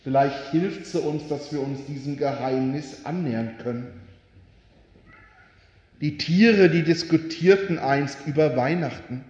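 Slow-speaking male pastor in a reverberant hall. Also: on the high side, a little mellow, muffled recording. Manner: slow, measured storytelling with voiced animal quotes. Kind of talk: Christmas Eve sermon.

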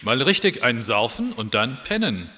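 Ein Mann spielt einen derben, einfältigen Ochsen. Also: male voice, medium pitch, very animated, normal speed, pushed and bright. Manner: crude, then sheepish. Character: simple-minded ox, fond of drink and sleep.

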